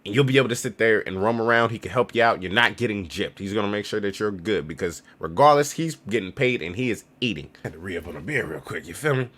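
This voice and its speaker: A young man talks straight to the camera in a loose, slangy vlog style, acting out little scenes as he goes. His voice sits low but sounds bright and keen, with a lot of bounce in the pitch. He jumps between tips and jokes in an easy, playful way. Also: fast, few pauses. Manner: slangy, animated, acts out other people's lines. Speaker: travel vlogger.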